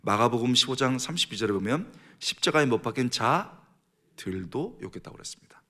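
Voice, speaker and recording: A middle-aged male pastor delivers a sermon in a church at a mid-range pitch. He drops to near whispers, then builds to raised, emphatic preaching. His delivery stays earnest and deliberate throughout. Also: expressive, bright, forceful tone.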